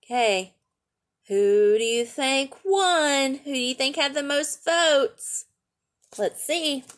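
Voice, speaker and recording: Her voice sits high and she reads slowly. She is a teacher at storytime, going through a picture book with young listeners while offering chatty asides, simple explanations and questions.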